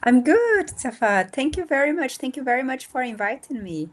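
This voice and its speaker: Her voice sits high with a sing-song quality. She is a thirty-something woman from north and northeast Brazil, Portuguese being her mother tongue, appearing as a guest and nonprofit founder on a video call. The interview talk is relaxed, and she thinks aloud, pausing often and leaning on fillers.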